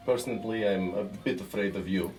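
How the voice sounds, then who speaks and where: A man playing his character in a tabletop game, speaking in a stern, measured, formal way. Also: on the low side, fairly even intonation, darkish tone, distant mic, soft background music. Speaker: player voicing his character. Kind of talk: in-character tabletop role-play.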